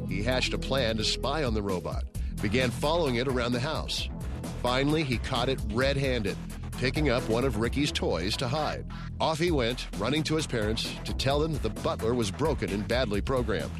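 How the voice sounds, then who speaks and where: A man reading a children's story aloud in a steady, gentle storytelling manner. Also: mid-range voice. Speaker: story reader. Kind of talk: scripted storybook narration.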